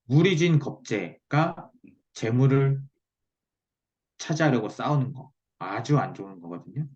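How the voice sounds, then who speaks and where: Husky male teacher on muffled call. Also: mid-range voice, lively intonation, measured pace, a little mellow. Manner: checks understanding with short tag questions. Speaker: teacher of Korean saju fortune-telling. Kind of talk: one-on-one online lesson, explanatory talk. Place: online video call. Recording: muffled, lo-fi video call audio.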